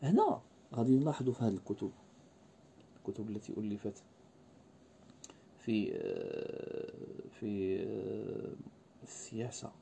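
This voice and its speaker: Man lecturer, very dark mellow voice, faint hiss behind. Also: fairly low pitch, vocal fry. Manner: fillers and restarts, rhetorical questions to students. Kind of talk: university-style lecture.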